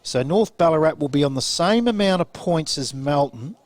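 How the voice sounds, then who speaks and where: An Australian man giving post-match football commentary, brisk and chatty as he runs through results and numbers. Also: fairly high pitch, expressive, darkish tone, no room sound.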